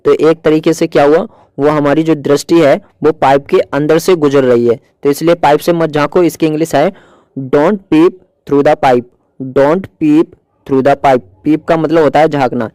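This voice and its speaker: English grammar teacher, man, slightly high mellow voice, dry close recording, patient. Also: steady tone, no echo, rough recording. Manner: explains patiently, repeating example sentences slowly. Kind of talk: Hindi grammar lesson with English examples.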